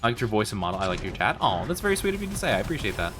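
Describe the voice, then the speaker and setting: A man with a fairly low voice hosts a casual gaming stream. He banters playfully and conversationally with his viewers, while music plays softly behind him. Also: very animated, racing. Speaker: livestreamer. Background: faint music.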